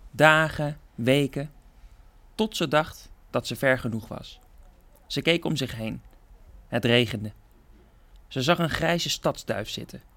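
A man from a theatre group calmly reading a children's story aloud with gentle expression. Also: medium pitch, vocal fry.

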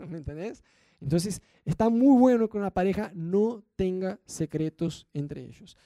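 A man with a Rioplatense Spanish accent gives a lively talk about marriage, voicing what husbands and wives say to make his point. His voice sits high but sounds mellow. The sound is close and dry. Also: no room sound. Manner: acts out quoted spouses, rhetorical asides. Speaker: marriage speaker.

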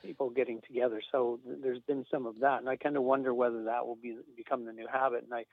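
A medium-pitched man with a level tone talks fast as a guest in casual conversation, an industry sales rep who rambles with fillers and light laughs. His voice comes through a dry, tinny phone line with no room sound.

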